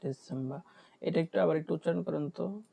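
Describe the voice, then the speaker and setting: A man's voice: on the high side, a little fast, gravelly, phone-quality sound. A Bangladeshi man teaching German vocabulary in an online class, explaining patiently and repeating each word. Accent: Bangladeshi Bengali. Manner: explains patiently, repeats words, asks "হ্যাঁ?". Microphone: video call.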